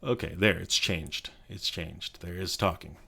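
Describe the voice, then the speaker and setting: A Colorado man in his thirties with a very low, gravelly and slightly rough voice chats softly for an ASMR video on YouTube. Speaking quietly in his home office so his kid stays asleep, he rambles and halts with frequent restarts and fillers.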